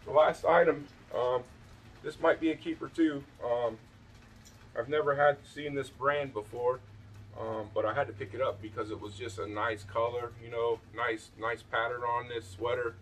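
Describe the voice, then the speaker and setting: A man's voice: medium pitch, fairly even intonation, normal speed, recorded from a distance, slight background noise. Rambling man on a back porch, mic set back. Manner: rambling, lots of fillers and restarts. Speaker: thrift reseller showing his finds. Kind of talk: casual vlog show-and-tell. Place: back porch outdoors at night.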